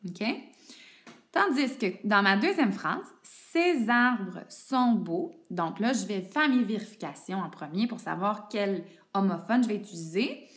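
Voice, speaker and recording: A woman's voice: mid-range voice, expressive, normal speed, a bit bright. A woman, patiently explaining spelling rules step by step to a student and spelling words out letter by letter. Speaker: teacher. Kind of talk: explaining French homophones to a student.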